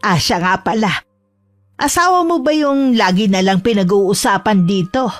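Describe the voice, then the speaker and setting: A woman voicing a secretive old grandmother who speaks calmly and politely, with faint music behind. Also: medium pitch, moderate pace, lightly acted. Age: older. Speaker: customer.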